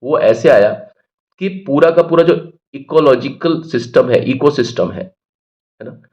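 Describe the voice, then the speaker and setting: A man's voice: medium pitch, lively intonation, unhurried, darkish tone, muffled recording. A man teaching English grammar, who explains patiently, repeats key words and answers his own questions. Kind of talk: Hindi-medium English grammar lesson.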